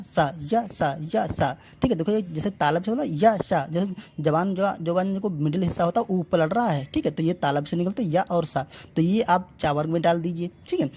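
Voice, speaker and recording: A woman's voice: fairly low pitch, a little mellow, husky. A woman teaching an exam-prep lesson, drilling letter sounds aloud and asking questions she then answers herself. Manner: addresses viewers as friends.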